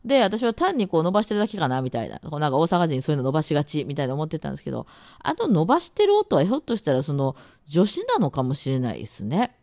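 A woman's voice: low voice, wildly swooping pitch, very fast, a little mellow, no room sound, studio quality. Chatty woman with an Osaka accent. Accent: Osaka dialect. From Osaka, Japan. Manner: chatty, rambling, many fillers, tries out words aloud. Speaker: radio talk host and musician. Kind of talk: casual solo podcast chat.

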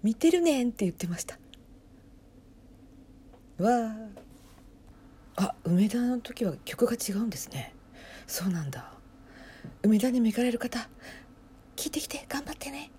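A woman hosting a casual talk, commenting in hushed whispers while she watches a concert stream at home. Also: a little high, very animated, a little slow, pauses often, a little hiss or hum. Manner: speaks softly in hushed whispers; chatty, reacts aloud to what she sees. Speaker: podcast host watching a livestream.

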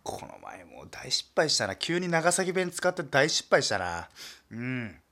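A male comedian from Nagasaki in a relaxed, self-deprecating solo talk, chuckling often and padding his speech with fillers. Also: mid-range voice, unhurried. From Nagasaki, Japan. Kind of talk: casual solo talk monologue.

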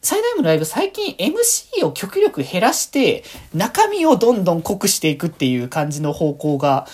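A podcast host runs a casual solo fan chat in a low, husky voice whose intonation swings widely. She rambles at a moderate pace, gushing with excited enthusiasm.

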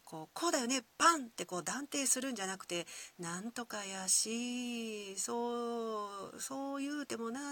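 A woman with a Kyoto accent hosting a solo podcast, musing gently with many soft fillers. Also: mid-range voice. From Kyoto, Japan. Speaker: podcast host.

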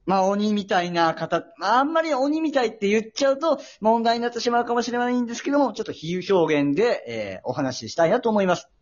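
A young man hosting a casual talk show, telling a story politely and hesitantly, with many pauses and filler sounds. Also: high voice, expressive, dull audio. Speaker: host.

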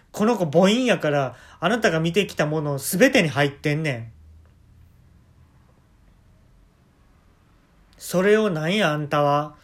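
A man's voice: on the high side, a bit bright, close to an everyday voice. A man with a Kansai accent voicing an odd girlfriend who scolds and insists about her pet dog.

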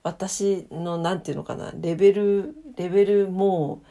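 A woman's voice: lowish voice, moderate pace, dark tone. A tired, hungover woman hosting a casual solo radio diary, talking politely and apologetically. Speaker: radio show host.

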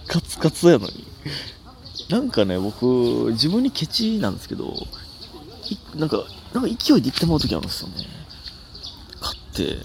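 A young man with a Kansai accent, hosting a casual solo comedy podcast, rambling and self-mocking with sudden animated outbursts. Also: mid-range voice, moderate pace, vocal fry, pauses often, noisy background.

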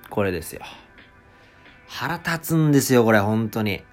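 A man's voice: fairly low pitch, animated, normal speed, faint music behind. A man hosting a casual solo talk show, ranting in exasperation and acting out customers' lines. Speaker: podcast host, former restaurant part-timer.

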